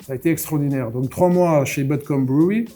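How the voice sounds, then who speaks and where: Middle-aged southwest French man, mellow tone, halting conversational storyteller. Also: on the high side, soft background music. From southwest France. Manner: hesitant, many "euh" fillers and restarts. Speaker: brewery founder, interview guest. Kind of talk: casual interview storytelling.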